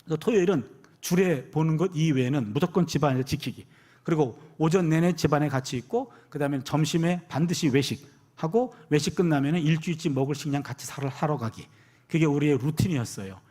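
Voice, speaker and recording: A middle-aged man, a pastor and professor, preaching a sermon and telling family stories while acting out the dialogue. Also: on the high side. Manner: animated storyteller who acts out quoted dialogue. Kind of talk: sermon with personal storytelling. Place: church sanctuary.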